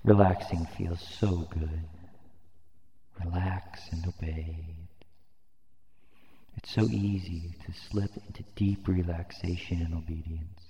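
Slow, deep-voiced male hypnotist. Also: fairly even intonation. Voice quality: soft, soothing, drawn-out phrasing. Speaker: hypnosis narrator. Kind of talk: slow guided hypnosis induction. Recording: roomy, long reverb, dull lo-fi sound.

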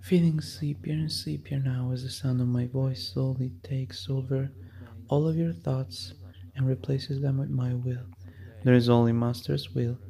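A man with a gravelly, mellow voice talks slowly and evenly through an ASMR hypnosis roleplay. He keeps a flat, steady tone and often drops into a soft whisper. He chants commands over and over. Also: medium pitch.

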